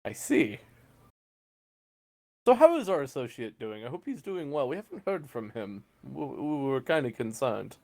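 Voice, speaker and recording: A polite arms-factory salesman, voiced by a man running a tabletop game. He talks in courteous, practised sales patter at an ordinary middle pitch. The voice stays close to everyday speech. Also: big pitch swings, moderate pace, gravelly, darkish tone.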